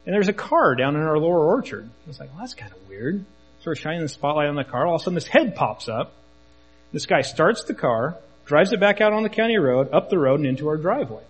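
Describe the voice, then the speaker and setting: A church elder preaches in a relaxed, storytelling way and slips in jokes. His voice is husky and sits a little high for a man. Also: fast, low-quality recording. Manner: conversational, storytelling, joking. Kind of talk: sermon.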